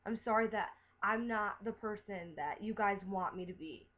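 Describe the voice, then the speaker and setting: A woman's voice: mid-range voice, moderate pace, phone-quality sound. A woman delivering an upset, defensive rant to her viewers, swearing as she talks. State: upset, recently crying. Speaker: vlogger. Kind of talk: emotional webcam rant.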